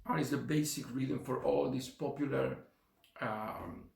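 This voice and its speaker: Here the drum teacher, a middle-aged Chilean with a Chilean Spanish accent, sounds gravelly and medium-pitched, moving a little slowly. He counts the beats aloud and uses lots of fillers during the relaxed lesson, with the echoey room adding faint noise.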